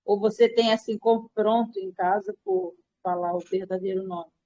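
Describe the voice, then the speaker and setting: A woman interviewing a church member on a live stream, asking gentle, probing questions. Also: medium pitch, very animated, moderate pace, gravelly, dry recording, low-quality recording.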